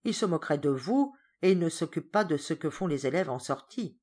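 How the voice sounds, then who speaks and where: A woman's voice: low-pitched, lively intonation, brisk. A woman voicing an angry, spoiled schoolboy who speaks indignantly, in a storybook reading. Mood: sulky. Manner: shouts indignantly.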